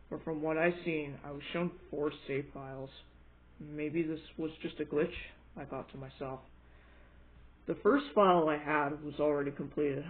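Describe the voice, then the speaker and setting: A man reading out a scripted first-person horror story, now and then stumbling over his words. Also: a little high. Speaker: creepypasta narrator. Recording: thin, phone-like narrow band.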